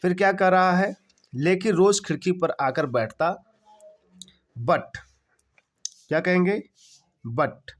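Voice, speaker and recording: Guy teaching translation, kinda high voice, talks real slow and spells stuff out. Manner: spells words letter by letter and repeats phrases slowly; asks questions and answers them himself. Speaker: English teacher. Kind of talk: translation lesson.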